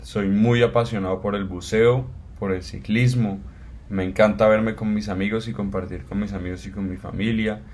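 Colombian guy from cali, 18, kinda low voice, casual podcast chat, lots of ehs. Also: fairly even intonation, normal speed, a little mellow. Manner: earnest, loose, with many fillers and restarts. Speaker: podcast co-host.

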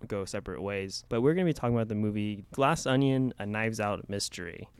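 Male podcast co-host, low and clear, casual rambling film chat. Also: animated, brisk, no echo. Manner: rambling, many "like"s and restarts.

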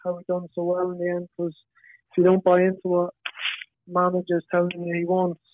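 A man's voice: sits high, monotone, fairly quick, dry recording. A young man with a west of Ireland accent giving hesitant, understated answers as a footballer in a casual interview. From Galway, west of Ireland. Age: young adult. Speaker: footballer, podcast guest. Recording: tinny band-limited radio-like line.

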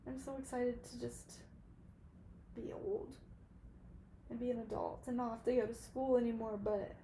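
Over slight background noise, a solo podcast host in her early 20s talks at normal speed in a fairly high, dark-toned voice with fairly even intonation. Her casual monologue is rambling and emotional, packed with "like"s.

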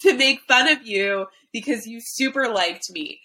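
A young woman from South Florida hosts a casual podcast with a bright, crisp voice set a little high. She talks in a playful, teasing way, keeping the chat light and loose. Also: expressive, a little slow, a little hiss or hum, rough recording. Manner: playful, teasing, laughs often. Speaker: podcast host.

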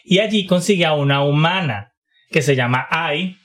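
A man co-hosting a casual podcast chat, telling stories in quick animated bursts and restarting phrases as he goes. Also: a little high. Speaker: podcast co-host.

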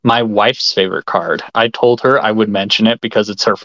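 A man hosting a casual chat, excitable and quick to laugh. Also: lowish voice, dry recording, dull audio.

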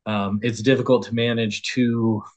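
A man's voice: medium pitch, level tone, moderate pace, muffled recording. A man who roasts coffee talking as a podcast guest, easygoing and rambling. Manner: rambling and easygoing, many fillers. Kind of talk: casual interview talk.

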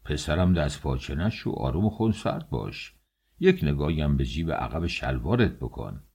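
A man voicing a middle-aged male office chief in an audiobook, speaking in a soft, soothing, patronizing way. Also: rumbling low, big pitch swings, creaky, breathy edge, voice pushed down, full character voice. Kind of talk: audiobook character voice.

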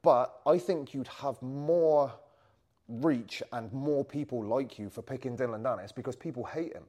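A man with a mid-pitched voice in a casual, informal chat. He comes across as an interview guest working out his answers as he speaks. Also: unhurried, dark tone. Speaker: grappler guest being interviewed.

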